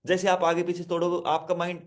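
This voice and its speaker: A man's voice: high-pitched, completely flat delivery, fast talker. A male hypnotherapist giving a self-help lesson, speaking directly to listeners, repeating his instructions and explaining with simple word examples.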